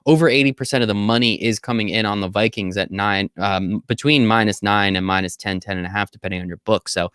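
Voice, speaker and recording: Jokey, energetic man on a sports podcast. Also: lowish voice, fast talker, hardly any pauses, smooth, dry recording, clean studio sound. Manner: energetic, jokey, swears casually. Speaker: podcast co-host. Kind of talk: casual sports betting chat.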